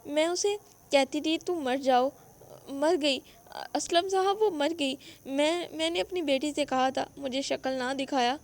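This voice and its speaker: A grieving mother from an audio novel, voiced by a woman, sobbing and pleading in broken phrases. The voice sits high and keeps breaking off mid-word. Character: grieving middle-aged mother, wailing.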